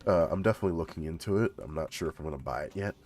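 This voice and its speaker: A man's voice: low-pitched, rapid-fire. A man hosting a stream, chatting casually while gaming, laid-back and full of fillers. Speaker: stream host.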